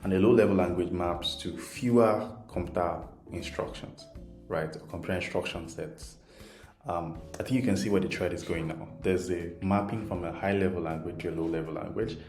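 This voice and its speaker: The instructor's deep, darkish voice stays steady at a moderate pace as he gives a relaxed, patient coding lesson in a Nigerian accent shaped by native Yoruba. Simplicity is his aim, and "right?" comes up often; the room echoes, with faint music beneath.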